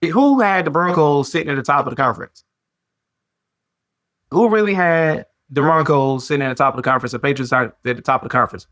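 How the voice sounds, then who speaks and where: A man hosts a sports talk show in a loose, conversational way, hammering his points home by repeating them. His voice sits a little high for a man, and he lets it rise and fall freely as he riffs. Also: fairly quick. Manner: animated, repetitive, conversational slang. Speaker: podcast host.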